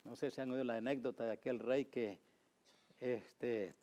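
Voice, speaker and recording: A man's voice: fairly even intonation, normal speed. Emphatic preacher, man. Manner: emphatic, repeats key phrases, tells anecdotes with light laughs; swings from loud, high exhortation to low, quiet asides. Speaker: pastor. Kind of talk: Spanish-language sermon.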